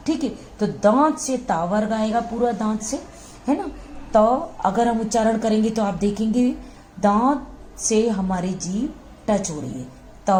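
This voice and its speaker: A woman's voice: a little high, warm tone, a little hiss or hum. Patient woman teaching phonetics. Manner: patient, repetitive, checks in with "ठीक है" often; models sounds slowly and aloud. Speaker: Hindi grammar teacher. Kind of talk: classroom lesson explanation.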